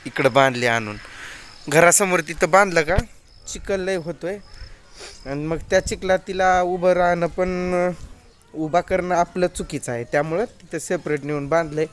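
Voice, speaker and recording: Man, village vlogger, casual and chatty, slightly high voice, outdoors with faint noise. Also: moderate pace. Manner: chatty, points things out to viewers. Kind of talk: casual vlog narration. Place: outdoors on a farm.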